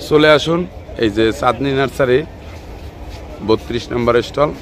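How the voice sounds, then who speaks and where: Brief: male host, outdoor plant fair walkthrough, upbeat promotional patter, mid-pitched voice. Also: moderate pace. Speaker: gardening channel host.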